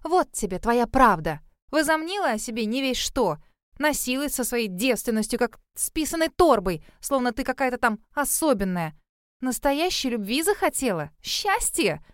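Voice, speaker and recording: A woman's voice: on the high side, sing-song, normal speed, clear, resonant tone, no echo, clean studio sound. A woman voicing a spiteful, catty young woman who taunts her rival in a sneering tone. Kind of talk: audiobook character voice.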